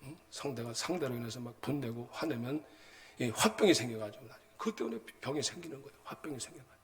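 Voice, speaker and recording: A male pastor preaching a sermon in a colloquial, animated way, often prompting the congregation with short asides and acting out everyday stories. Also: mid-range voice, fast talker. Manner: acts out everyday anecdotes with sound words.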